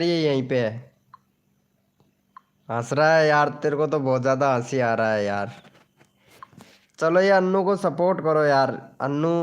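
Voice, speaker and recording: A man's voice: on the high side, clear, resonant tone. A young man hosting a casual live stream, joking and teasing viewers by name.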